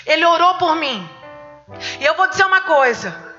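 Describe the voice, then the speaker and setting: A high-pitched, middle-aged Brazilian woman delivers a fervent church testimony, acting out voices as she tells her story. The recording sounds muffled, with music playing underneath. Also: moderate pace. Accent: Brazilian Portuguese. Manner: lively storytelling, acting out dialogue, fervent exhortation. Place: church service.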